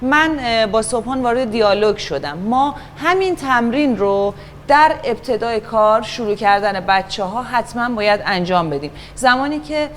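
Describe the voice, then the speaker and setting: A woman's voice: fairly high pitch, expressive, a little hiss or hum. Patient woman coaching young actors. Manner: patient, encouraging, calls the class to order. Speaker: children's acting teacher. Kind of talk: classroom instruction and coaching. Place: acting class with children.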